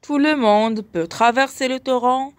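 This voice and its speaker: A woman narrating a children's tale as a storyteller, slow and expressive. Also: high voice.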